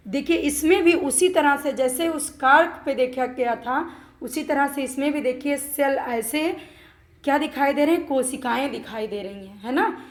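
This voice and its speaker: A woman teaching a school lesson, often asking the class questions and repeating her points. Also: sits high. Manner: slow, repeats questions to students.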